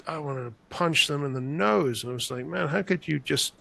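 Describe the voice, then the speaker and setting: An older man from England who grew up in Spain, telling animated, rambling stories as an interview guest over a video call. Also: fairly high pitch, normal speed, vocal fry, no room sound. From England, raised in Spain. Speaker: guest artist. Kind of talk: conversational interview storytelling. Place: home room, indoors. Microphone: large podcast mic on a video call, headphones.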